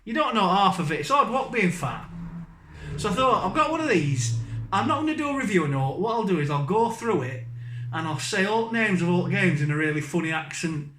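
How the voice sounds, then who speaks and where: A man's voice: high-pitched, big pitch swings, a little fast, fairly bright tone, reverberant, a little hiss or hum. A man with a Northern English accent, a gaming YouTuber giving a blunt, self-mocking comic rant to camera that keeps drifting off topic.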